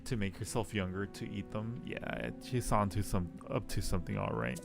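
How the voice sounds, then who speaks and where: At a moderate pace and with fairly even intonation, a man with a fairly low, creaky voice streams a game live. He reads its text out and chats loosely with viewers while musing, with music playing in the background.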